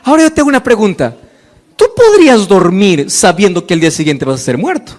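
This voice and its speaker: A man's voice: sits high, sing-song, brisk, darkish tone. A male pastor preaching a sermon, acting out dialogue and asking the congregation rhetorical questions.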